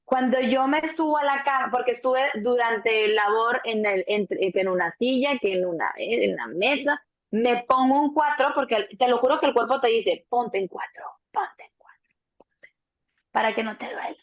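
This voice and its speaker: A Mexican woman in her thirties, a doula, telling a birth story in a relaxed chat, acting out the voices of the people in it and swearing casually. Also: a little high, normal speed. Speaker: doula, co-host. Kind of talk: casual conversation. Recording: dull lo-fi sound.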